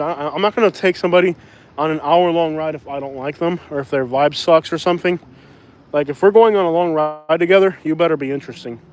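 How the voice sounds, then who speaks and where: A man's voice: fairly high pitch, rough recording. A Cuban man who drives for a rideshare app, talking bluntly and rambling in a casual livestream while walking outdoors on a city street. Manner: blunt, opinionated, rambling with restarts.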